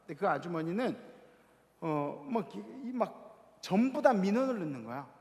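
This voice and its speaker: A man preaching a sermon to a youth congregation, telling stories with lively energy and acting out the shouted lines of the people in them. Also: high voice, normal speed. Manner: animated storytelling, acting out shouted quotes. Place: church sanctuary. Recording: long hall reverb of a church.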